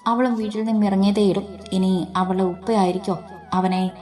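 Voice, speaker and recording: A woman voicing a gentle, protective young husband in a spoken story, talking softly and coaxingly. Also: medium pitch, steady tone, normal speed, soft background music, natural voice. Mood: tense.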